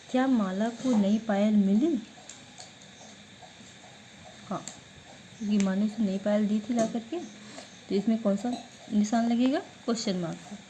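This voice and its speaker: A woman teacher giving an online class lesson, who asks questions and answers them herself, drilling words slowly syllable by syllable. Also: mid-range voice, warm tone, a little hiss or hum, poor audio.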